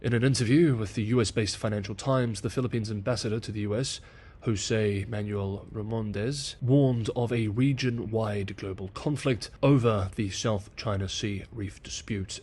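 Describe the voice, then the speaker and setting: A man reading news analysis on his own channel, in a measured way, lifting his voice whenever he quotes someone. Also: fairly low pitch, a little mellow, breathy edge. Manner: measured, reads quotes aloud with lifted voice. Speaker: solo news commentator. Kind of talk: news analysis read from script.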